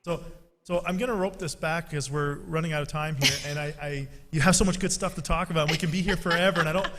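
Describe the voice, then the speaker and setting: A man's voice: a little high, fairly even intonation, quick pace, noisy background. Man, church interview host, encouraging, repeats himself, long reverb. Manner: encouraging, repeats words, fills with "right?".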